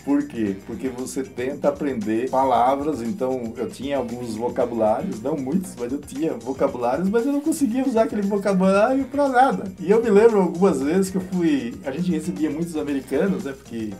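Brazilian man telling a story, mellow voice. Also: mid-range voice, fairly quick, hardly any pauses, soft background music. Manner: lively storyteller, frequent "né?", laughs as he tells. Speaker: father and co-host telling his story. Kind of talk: casual storytelling chat.

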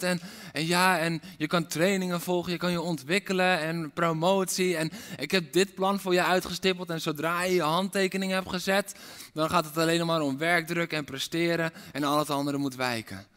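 A man's voice: high-pitched, steady tone, normal speed, fairly bright tone. A man preaching a sermon as a pastor, with an impassioned, repetitive preaching cadence. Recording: long reverb of a large hall.

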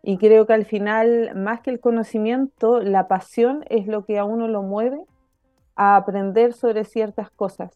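A woman, a guest explaining her field in a measured way during an interview. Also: mid-range voice, dark tone, dry recording, lo-fi sound. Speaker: guest, mycologist and author. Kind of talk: interview answer.

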